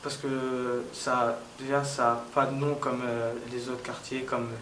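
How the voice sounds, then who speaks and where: A man's voice: mid-range voice, flat delivery, a little slow, a bit bright. An eighteen-year-old man answering interview questions, hesitant, with many fillers and restarts. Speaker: local youth council member. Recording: roomy, distant mic, noisy ambience.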